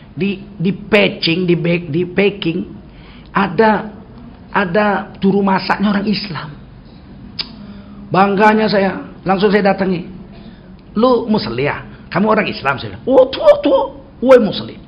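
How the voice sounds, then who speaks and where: A man's voice: high-pitched, normal speed, long pauses, lo-fi sound, a little hiss or hum. A man preaching a sermon in a mosque, telling stories and acting out dialogue. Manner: storytelling, acting out dialogue with lively shifts.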